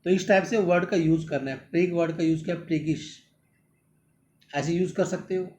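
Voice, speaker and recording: High-voiced man teaching vocabulary. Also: fairly even intonation, fairly quick, darkish tone. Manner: repeats words often and calls the students "my dear". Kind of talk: exam-prep vocabulary lesson.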